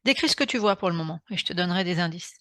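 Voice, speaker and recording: A woman with a French accent, calmly guiding a session with questions and short murmurs of encouragement. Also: on the low side, rapid-fire, dry recording, studio quality. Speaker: session guide.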